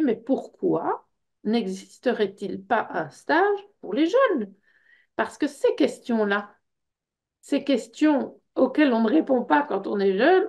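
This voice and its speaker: A middle-aged Belgian woman with a Belgian French accent presents an information evening for a personal development workshop, conversational and full of fillers and the tag word "hein". Her voice is fairly high, creaky and darkish in tone.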